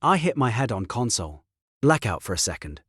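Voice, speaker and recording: A man narrating a story in short, clipped, terse sentences with a husky voice. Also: medium pitch, sing-song, fairly quick, fairly bright tone, no room sound, studio quality.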